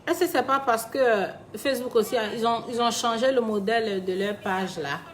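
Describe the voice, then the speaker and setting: A woman's voice: a little high, normal speed, slight background noise. Chatty woman livestreaming. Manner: chatty, calls viewers her babies; sombre and reflective when speaking of loss. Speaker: live streamer talking to her followers. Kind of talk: casual live-stream chat. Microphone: phone.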